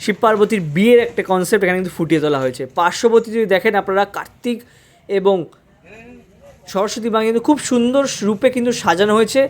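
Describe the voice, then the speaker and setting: A man's voice: high voice, fast. A man giving walking-tour commentary, talking directly to his viewers in a chatty, admiring way. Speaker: vlogger touring puja pandals. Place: outdoors and inside festival pandals.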